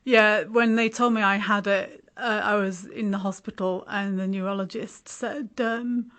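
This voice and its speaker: A woman's voice: mid-range voice, fairly even intonation, a little slow, fairly bright tone. A woman in her forties from West Yorkshire with a slight Yorkshire accent, a guest talking in a casual interview with wry, self-mocking humour. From West Yorkshire, England. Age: 40s.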